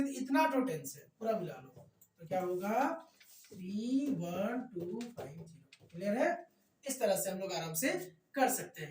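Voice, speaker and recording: A man teaching a math lecture in class, repeating points and often checking that students follow. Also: extremely high pitch. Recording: echoey room, voice far from mic.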